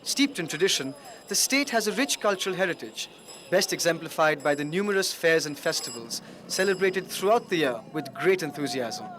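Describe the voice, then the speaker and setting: A man reading scripted travel narration in the manner of a nature documentary, measured and wry, with formal wording. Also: on the high side, expressive, fairly bright tone. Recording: music under the voice. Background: background music.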